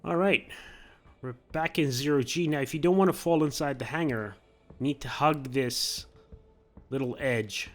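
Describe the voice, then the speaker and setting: A man's voice: medium pitch, normal speed, fairly bright tone. A man hosting a gameplay video, talking himself through careful moves in casual commentary and chuckling now and then.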